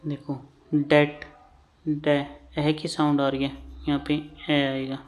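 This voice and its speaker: A man's voice: fairly high pitch, completely flat delivery, takes it slowly. A man with an Indian English accent teaching shorthand vowels, patiently repeating each term while he writes. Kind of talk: slow classroom lesson at a board.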